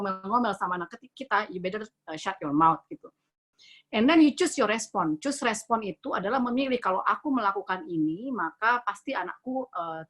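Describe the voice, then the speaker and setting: Lively woman coaching on emotions. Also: medium pitch. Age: 40s. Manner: lively, mixing in English phrases, acting out quoted voices. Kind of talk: motivational talk on managing emotions.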